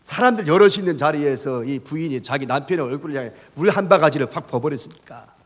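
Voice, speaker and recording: Male pastor, high husky voice, lively storytelling sermon, long church-hall echo. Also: quick pace. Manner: animated storytelling with rhetorical questions to the congregation. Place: church sanctuary.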